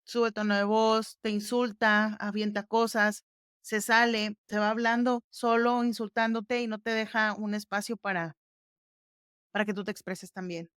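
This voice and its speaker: A woman's voice: medium pitch, level tone, moderate pace, clear, resonant tone, no room sound, studio quality. A woman hosting a podcast, explaining exercises step by step in a casual, conversational way. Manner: explains step by step, conversational, warm fillers like "ujú". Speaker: podcast host.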